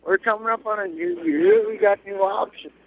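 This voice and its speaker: A man's voice: sits high, huge pitch swings, moderate pace, gravelly, crowd noise. A man calling in by cell phone from a bus, his voice coming through a tinny phone line that keeps breaking up. He chats loosely and calls people dude. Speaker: caller phoning in to a live show. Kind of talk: casual phone chat. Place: on a moving bus.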